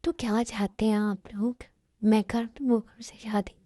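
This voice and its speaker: A woman's voice: on the high side, a little slow, dark tone, no echo, clean studio sound, close to an everyday voice. A woman voicing a tearful young woman who pleads and refuses an arranged marriage, in an amateur fan-dubbed story. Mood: upset. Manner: pleading and defiant.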